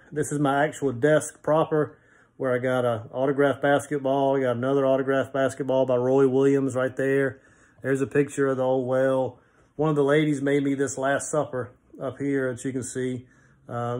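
A man's voice: medium pitch, a little mellow. A man in his forties, a pastor, giving a casual rambling tour of his small wood-paneled office, filmed on a phone at arm's length. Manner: friendly, rambling tour talk with fillers. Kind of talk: casual video devotion. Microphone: phone camera at arm's length.

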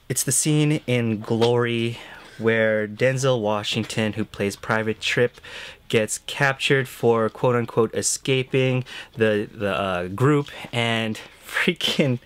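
A man's voice: medium pitch, smooth. A man co-hosting a casual film chat, emotional and exclaiming often, laughing as he gets choked up. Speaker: film show co-host.

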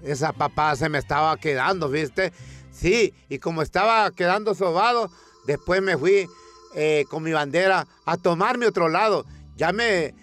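A man's voice: high voice, fairly bright tone. A man with a Honduran accent telling a comic news monologue in a colloquial, storytelling way, acting out protest chants. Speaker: comic presenter.

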